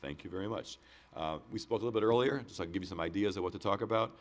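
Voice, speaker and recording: Speaking into a microphone at a village board meeting, an American man runs the formal public session in a plain, businesslike manner. He has a deep voice, talks very fast, and sounds hoarse, like someone recovering from a cold.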